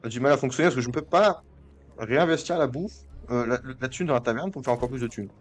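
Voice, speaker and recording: A man's voice: medium pitch, fast talker. A young man rambling and joking as he comments on a management game, often stumbling over his words and restarting. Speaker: gaming video creator. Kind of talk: casual gameplay commentary.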